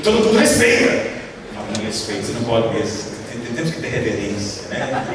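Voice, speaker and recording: A pastor with a Brazilian Portuguese accent preaches a sermon, his fairly low voice steady in tone as he talks fast. He is emphatic and peppers the congregation with rhetorical questions. The recording sounds distant, in an echoey hall with background noise.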